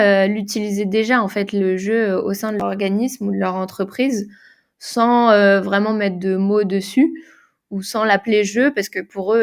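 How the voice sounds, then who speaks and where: A woman who designs games for workshops, answering interview questions in French, thinking aloud with frequent fillers and restarts. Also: mid-range voice. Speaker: game designer and facilitator.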